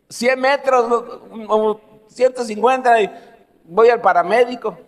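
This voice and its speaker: A man preaching a sermon as pastor, telling personal stories and asking the congregation questions. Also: very high-pitched. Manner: animated, laughs at own stories, asks the congregation questions. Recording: long hall reverb.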